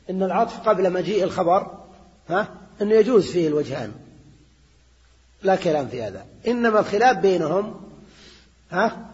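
High-voiced older man teaching grammar. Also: darkish tone. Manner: explanatory, repeats points and checks with students. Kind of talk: classroom lecture. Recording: dull lo-fi recording in a reverberant hall.

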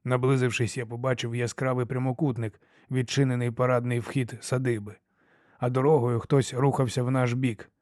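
Male audiobook narrator, mid-pitched, steady first-person telling, dry studio sound. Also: normal speed, no echo. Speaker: audiobook reader.

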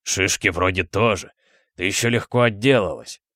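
Man playing a gruff count, bassy, low, rough-edged. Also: normal speed, fairly bright tone, no echo, clean studio sound, lightly acted. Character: gruff middle-aged count, bass-voiced father.

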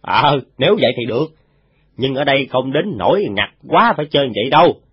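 A man's voice: medium pitch, sing-song, fairly quick, husky. A man voicing an adult guerrilla fighter who chides a boy fondly. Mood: chiding. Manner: chiding, explaining. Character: adult male guerrilla fighter, scolding but fond. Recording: dull, dry recording.

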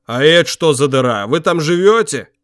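A man voicing a suspicious male police officer with a low voice, blunt and gruff. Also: lively intonation, moderate pace, a bit bright, no room sound, clean studio sound.

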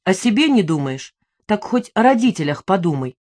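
A woman's voice: medium pitch, big pitch swings, normal speed, a little mellow. Woman voicing a brusque young male friend, matter-of-fact and scolding; audiobook. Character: young man, blunt, mildly scolding friend. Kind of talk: audiobook dialogue reading.

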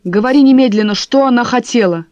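A woman's voice: mid-range voice, normal speed, a little mellow, dry recording, highs cut off, natural voice. A woman voicing a nervous, evasive husband who snaps defensively. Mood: tense. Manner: tense, defensive, snapping. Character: nervous, evasive husband, middle-aged man. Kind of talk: audiobook character voice.

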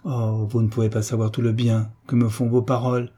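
A man's voice: medium pitch, level tone, brisk, warm tone, husky, natural voice. A man reading an audiobook voices a timid young orphan heiress, hesitant and earnest, in a raised voice.

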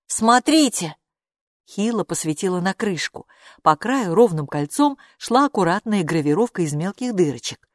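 Expressive woman narrating a storybook. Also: fairly low pitch, moderate pace, no echo, clean studio sound. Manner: expressive, animated reading. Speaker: audiobook narrator.

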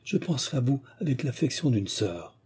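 A man voicing a gentle, tender but firm young woman in an audiobook, reading her replies earnestly and with restraint. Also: medium pitch, very animated, normal speed, breathy edge, pitched above the performer's own voice.

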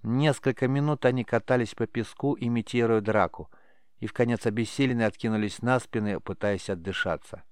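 A man narrating an audiobook in a measured storytelling manner. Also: mid-range voice, clear, resonant tone, no room sound, studio quality. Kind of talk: scripted narration.

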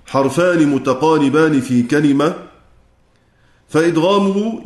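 A man with an Egyptian Arabic accent teaching Quran recitation rules in a lecture. He explains step by step, chants the verse lines slowly, and checks in with his students. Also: on the high side, roomy sound. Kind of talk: lecture explaining a classical poem.

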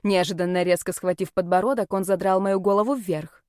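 A woman's voice: medium pitch, fairly even intonation, a little fast, a little mellow, clean tone, no echo, clean studio sound. A woman narrating a first-person audiobook in a wry, sardonic tone.

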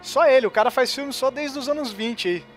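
A Brazilian Portuguese man with a very high voice tosses in wisecracks and crude jokes during podcast chat. Quiet music runs underneath. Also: fairly quick. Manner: joking banter with laughs and swearing. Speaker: podcast co-host.

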